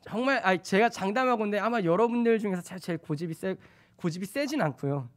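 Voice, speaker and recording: A young man preaching a sermon, switching between loud scripture reading and soft, hushed confiding. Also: sits high, expressive, quick pace. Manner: acts out his own angry and tender words in quotes.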